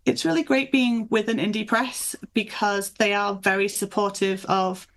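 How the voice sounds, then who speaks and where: Speaking at normal speed with a medium pitch and fairly even intonation, the woman is an author being interviewed casually. She comes from the north of England and Michigan, USA, and her talk is anecdotal and chatty.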